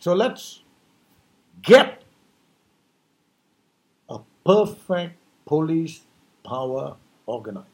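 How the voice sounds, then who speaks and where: An emphatic, preachy man with a fairly high voice, delivering an impassioned New Year monologue. He hammers his points home and keeps throwing out rhetorical questions. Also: darkish tone. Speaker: speaker giving a New Year message.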